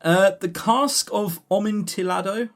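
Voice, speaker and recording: High-voiced and unhurried, a man co-hosts a podcast, rambling casually through award lists. He swears casually and keeps his jokes dry and sarcastic.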